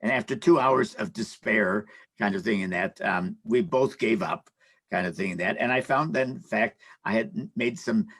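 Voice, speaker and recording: A man's voice: lowish voice, moderate pace, a bit bright, slightly rough, dry recording. An older man on a panel, speaking casually and hesitantly, with many fillers and restarts.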